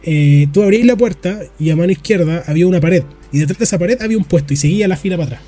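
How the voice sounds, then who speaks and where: Fast-talking Chilean man, slangy storyteller. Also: high-pitched, mellow, faint music behind. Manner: rambling storyteller, heavy slang. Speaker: podcast co-host. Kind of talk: casual chat.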